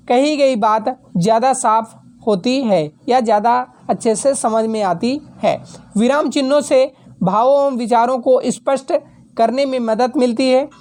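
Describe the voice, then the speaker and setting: A young adult woman teacher reading out exam answers at a steady dictating pace, now and then correcting herself mid-word. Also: a little high.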